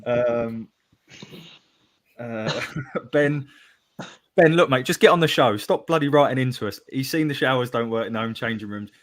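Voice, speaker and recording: A man with a medium-pitched voice hosts a live football podcast, speaking slowly with long pauses. He's upbeat, reading listener chat messages aloud and laughing as he goes.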